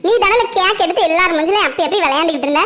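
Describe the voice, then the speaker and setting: A woman voicing a whole cast of children and mothers in a cartoon family drama, bright and animated, scolding and bickering. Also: extremely high pitch, racing. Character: shifting cast of girls, boys and mothers. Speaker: voice actor for several family characters.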